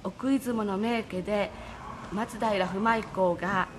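A woman speaks in a formal, courteous customer service voice, like staff attending to a guest. Her pitch is average for a woman. She is recorded on location with noticeable noise and ambience around her. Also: fairly even intonation, takes it slowly. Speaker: soba restaurant staff member being interviewed. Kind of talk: polite interview explanation.

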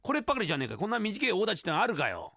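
A man playing a gruff townsman who heckles in rough Edo-style talk, in rakugo storytelling. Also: high voice, wildly swooping pitch, rapid-fire, pushed and bright, dry recording, studio quality, full character voice. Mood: mocking. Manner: rough Edo-style tough-guy speech.

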